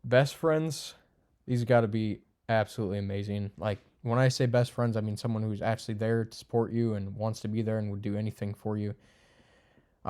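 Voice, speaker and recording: A man's voice: lowish voice, a little mellow, clean tone. A young man giving casual, unscripted commentary to camera, blunt and crude, rambling with lots of fillers. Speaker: video creator ranking friend types.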